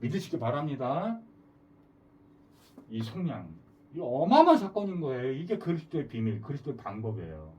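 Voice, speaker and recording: A man's voice: medium pitch, big pitch swings, normal speed, a little mellow, far from the mic. A man preaching a sermon, emphatic and full of rhetorical questions to the congregation.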